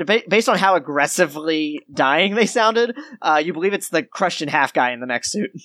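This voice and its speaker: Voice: mid-range voice, lively intonation, normal speed, a bit bright, no echo, clean studio sound. A game master narrating a tabletop game in an informal, descriptive way.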